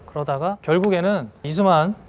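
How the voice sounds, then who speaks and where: A man in his thirties giving a storytelling lecture to an audience, lively and acting out scenes with sound effects. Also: sits high, normal speed, a little hiss or hum. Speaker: celebrity lecturer.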